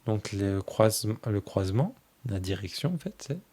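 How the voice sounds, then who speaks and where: Slow, soft-spoken man leafing through cards. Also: on the low side, very animated, breathy edge. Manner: gushes fondly over each card. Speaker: tarot channel host. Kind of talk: casual oracle deck flip-through.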